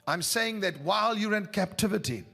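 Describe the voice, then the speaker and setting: A man's voice: high-pitched, lively intonation, moderate pace, gravelly. A man preaching a fervent prophetic sermon, calling out to the congregation. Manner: fervent, rising to shouts, talks to the audience. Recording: long hall reverb with faint music.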